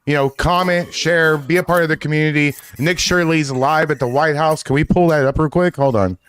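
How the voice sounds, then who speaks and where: A man's voice: fairly high pitch, steady tone, brisk, fairly bright tone, clear, resonant tone, no echo. A man co-hosting a casual livestream panel, talking in a rambling, upbeat way full of swearing. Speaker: stream co-host.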